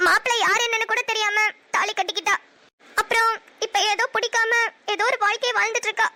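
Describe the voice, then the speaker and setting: Woman, Namakkal Tamil accent, cartoon storyteller, very high pitch, fast, emotional. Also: steady tone, pushed and bright. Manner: emotional, scolding, fast-talking. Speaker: voice artist and narrator.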